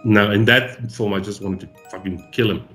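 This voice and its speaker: A man's voice: on the low side, steady tone, normal speed, a bit bright. A man co-hosting a podcast who gives his opinions bluntly, swears freely, and talks with plenty of energy. He is heard over a video call with faint music underneath. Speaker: podcast co-host. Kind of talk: casual chat.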